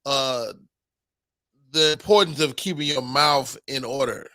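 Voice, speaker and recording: An excitable man hosts a casual interview, cracking jokes and stumbling over his words. His voice is bright and forward. The sound is dry and close to the mic. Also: medium pitch, a little slow, no room sound. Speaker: host.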